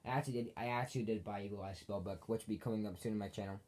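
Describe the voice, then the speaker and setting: A lowish, slightly mellow male voice races through a casual, unscripted review of Halloween props on his own channel. He rambles and repeats, correcting himself along the way, and the amateur home video carries background noise.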